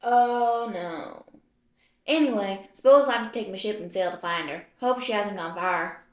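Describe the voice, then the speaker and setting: A woman's voice: medium pitch, a little slow, lightly acted. A woman voicing a forgetful, blustery pirate ghost with a peg leg in a puppet stage play. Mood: blustery, grumbling. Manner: blustery pirate talk, muddled. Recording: roomy echo.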